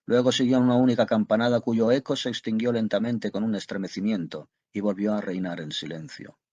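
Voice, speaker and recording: Low husky male narrator, measured storybook reading, dry close sound. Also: fairly even intonation, a little mellow, no room sound, highs cut off. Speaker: audiobook narrator. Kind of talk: scripted narration.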